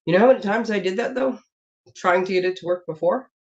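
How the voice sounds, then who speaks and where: A woman's voice: mid-range voice, fast, a little mellow. A woman hosting a casual craft live stream from her home desk, rambling and laughing often, a bit congested from a sinus infection. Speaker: host of a papercraft live stream. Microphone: webcam setup. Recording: dull lo-fi stream audio.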